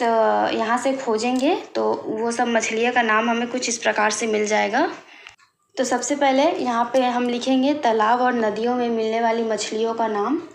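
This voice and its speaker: Woman teacher walking through homework answers; patient, repeats herself, slightly high voice, roomy recording. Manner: patient, repetitive, checks in often. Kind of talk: step-by-step homework explanation. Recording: echoey room with faint noise.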